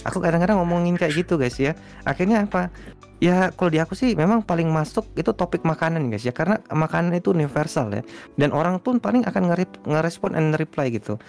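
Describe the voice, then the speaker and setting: A man, a guest streamer, chatting casually in an interview, relaxed and rambling with lots of fillers. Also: a little high, quick pace, faint music behind.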